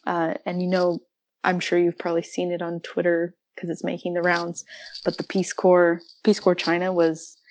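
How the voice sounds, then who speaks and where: A podcast guest from rural Arizona, this American woman talks about literature in a casual, reflective, chatty way and laughs readily. Her voice is lowish and a little mellow, with a completely flat delivery at a moderate pace.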